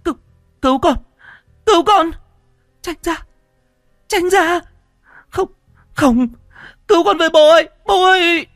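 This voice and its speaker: A man's voice: very high-pitched, unhurried, long pauses, a bit bright, dry recording, studio quality, faint music behind, voice pushed up, exaggerated voice. A man voicing a terrified young girl who shrieks and sobs for help in an audiobook story. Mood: panicked screaming. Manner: shrieking, sobbing cries for help. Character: terrified young girl screaming for her father.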